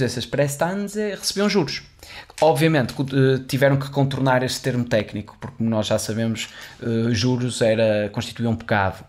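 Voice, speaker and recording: A young adult man with a European Portuguese accent hosts an educational video series, chatting casually about finance history with lots of fillers and restarts while gesturing. His voice is mid-range, recorded indoors in a small studio with a dark wall on a boom-arm condenser mic, headphones on.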